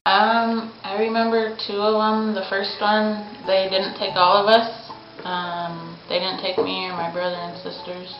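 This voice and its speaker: A woman in her thirties recalling events haltingly, with ums. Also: mid-range voice, flat delivery, muffled recording. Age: 30s. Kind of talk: personal testimony. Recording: roomy sound with music behind.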